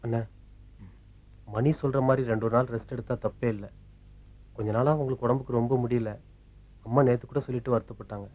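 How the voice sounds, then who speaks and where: Actor as concerned younger brother; brisk delivery, phone-like audio. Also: male voice, mid-range voice, close to an everyday voice. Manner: calming, concerned. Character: caring male younger brother figure. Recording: tinny phone-like film audio.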